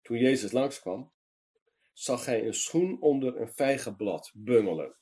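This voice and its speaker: Husky man reading a lively story. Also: medium pitch, unhurried. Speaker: reader of a meditation program. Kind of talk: children's Bible story reading.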